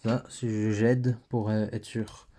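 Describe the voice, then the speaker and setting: A man's voice: on the low side, level tone, slow pace, dark tone. A man with a French accent teaching a patient, step-by-step lesson, thinking aloud as he writes.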